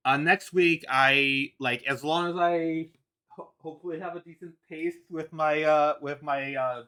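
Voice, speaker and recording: A man's voice: mid-range voice, sharp tone, clean tone. A man chatting casually on a live stream about his comics, rambling with many restarts and fillers and laughing between thoughts.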